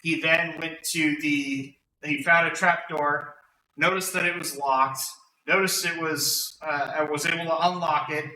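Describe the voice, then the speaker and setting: A man's voice: on the high side, steady tone, measured pace, pushed and bright. A man casually recapping a tabletop game session for his friends, rambling and correcting himself as he goes. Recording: roomy, distant mic, faint hum.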